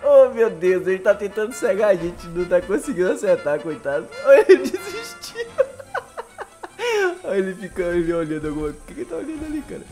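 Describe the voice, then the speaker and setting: Excitable young Brazilian man gaming. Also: high voice, rapid-fire, hardly any pauses, faint music behind. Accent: Brazilian Portuguese. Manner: excitable, laughing often, slangy. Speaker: gaming YouTuber. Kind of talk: live gameplay commentary.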